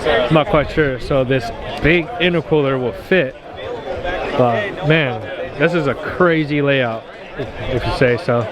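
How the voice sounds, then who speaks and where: A man's voice: mid-range voice, unhurried, over a noisy crowd. A man giving enthusiastic, slangy, casual walk-around commentary as a car vlogger at an outdoor meet. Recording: noisy outdoor car meet, vehicle sounds. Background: cars, car alarm beeping at times.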